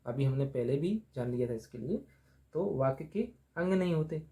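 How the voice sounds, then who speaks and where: Fairly high-pitched and mellow, with lively intonation, a man runs a grammar lesson where he asks questions and answers them himself. He slowly repeats every term as he writes it on the board.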